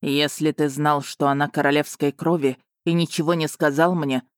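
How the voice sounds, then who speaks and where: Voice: mid-range voice, little pitch movement, no echo, studio quality, close to an everyday voice. A reader voicing Eyden, a stern, guarded duke. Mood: reproachful. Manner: cool, measured, terse. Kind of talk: audiobook character reading.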